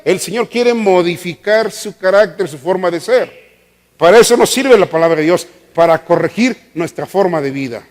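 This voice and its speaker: A man preaching with a high voice, firing short questions at the congregation and drawing out each key word. His sermon rings through a church hall with a long reverb. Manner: call-and-response questioning, drawn-out emphatic words.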